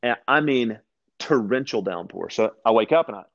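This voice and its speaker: A man from Louisiana, a podcast guest, telling casual stories with lots of restarts and animated asides. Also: medium pitch, normal speed, vocal fry, muffled recording. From Louisiana, USA. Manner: rambling, animated anecdotes with frequent restarts. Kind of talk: casual storytelling conversation.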